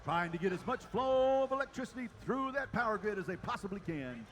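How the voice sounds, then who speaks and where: A man giving live play-by-play commentary at a robotics competition, energetic and building to shouts at the close. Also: high-pitched, fairly quick. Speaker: match announcer.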